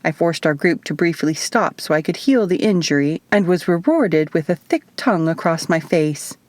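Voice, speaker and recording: A woman reading her own novel aloud as audiobook narration, in a steady storytelling manner, close to the mic. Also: fairly low pitch, normal speed, dry recording. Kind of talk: first-person audiobook narration.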